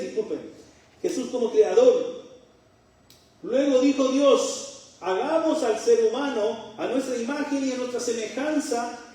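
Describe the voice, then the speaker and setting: Man, Chilean accent, middle-aged preacher, questioning sermon, warm tone, echoey hall from a distance. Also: extremely high pitch. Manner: asks the congregation rhetorical questions, joking asides. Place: church hall. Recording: very echoey room, mic far off.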